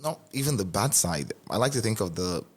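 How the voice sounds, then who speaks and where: A man hosting a podcast interview, asking probing questions in a relaxed, conversational way and often restarting his words. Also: lowish voice, brisk. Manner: probing, conversational, repeats words when starting. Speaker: podcast host.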